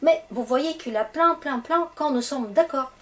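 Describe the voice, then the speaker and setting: Russian accent lady teacher, slow patient grammar explaining, kinda high voice. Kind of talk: grammar lesson for French speakers.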